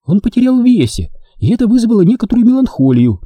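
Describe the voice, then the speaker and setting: A man voicing a playful, chatty young woman who teases her lover, raising his pitch high. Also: big pitch swings, quick pace, mellow, no echo. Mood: teasing. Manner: chatty, teasing.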